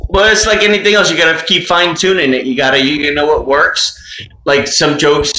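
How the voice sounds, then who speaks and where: A man's voice: on the high side, fairly even intonation, fairly quick, bright, forceful tone, reverberant, slight background noise, poor audio. A man co-hosting a casual chat, goofy, spinning running jokes and laughing at his own bits. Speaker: podcast co-host.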